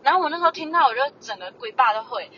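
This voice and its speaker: Sex: woman. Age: early 20s. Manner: animated, exasperated storytelling. Pitch: high. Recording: dull lo-fi. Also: racing. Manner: animated, exasperated, mimics other people's voices. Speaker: podcast co-host. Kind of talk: casual chat, ranting storytelling. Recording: dull lo-fi audio with faint noise.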